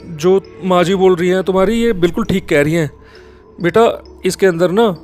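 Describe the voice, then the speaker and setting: Calm older aunt, gentle and grave, voiced by a high-pitched male narrator. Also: normal speed, faint music behind, close to an everyday voice. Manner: gentle, explaining.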